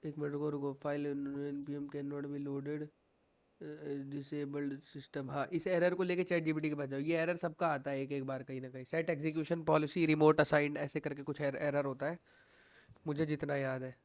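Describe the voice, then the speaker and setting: A young coding instructor runs a live online class, patiently and reassuringly walking students through errors while mixing English tech terms into his Hindi. His voice is on the high side and steady, at a moderate pace.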